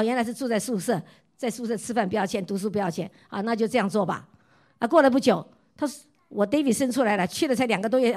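A middle-aged woman from Taiwan preaches a sermon mixed with her own testimony. She keeps asking her listeners questions, and her voice often drops soft and quiet as she tells her stories. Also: mid-range voice. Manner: asks the listeners repeated questions. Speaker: pastor's wife preaching.

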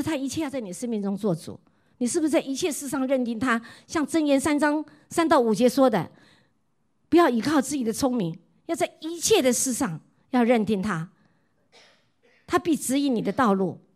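A middle-aged woman from Taiwan, a pastor's wife preaching a sermon, who keeps asking her listeners questions and tells her own stories in a warm voice that often drops soft. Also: medium pitch. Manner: asks the listeners repeated questions. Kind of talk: sermon with personal testimony.

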